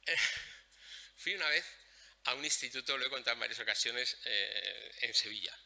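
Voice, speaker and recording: A man speaks at a workshop in a lecture hall. His voice is very bright and forward, and he tells his stories bluntly, acting out each exchange. His pitch sits in the middle range. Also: moderate pace, vocal fry. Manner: blunt, animated storytelling with acted-out dialogue. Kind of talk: conference talk with anecdotes.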